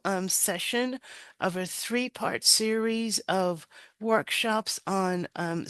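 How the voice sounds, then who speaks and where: A middle-aged woman hosting a webinar on a video call headset, speaking haltingly with frequent pauses. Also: mid-range voice, clean tone, no room sound. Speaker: webinar host.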